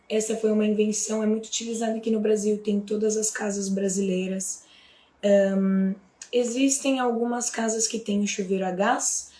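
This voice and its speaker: A young Brazilian woman explains things to her students in a relaxed, chatty way, with a Brazilian Portuguese accent and plenty of little check-in questions. Her mid-pitched voice rings around a bare, echoey room. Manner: chatty, frequent tag questions and fillers. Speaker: Portuguese teacher. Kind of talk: casual explanatory lesson.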